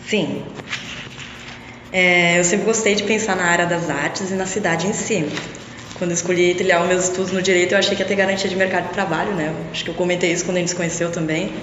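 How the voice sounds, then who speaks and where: A woman's voice: on the low side, fairly even intonation, fast talker, fairly bright tone, slight background noise. A young woman from Brazil, a podcast guest, talking reflectively about her studies and often adding little tag questions. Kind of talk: casual interview talk. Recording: echoey long-reverb lo-fi room.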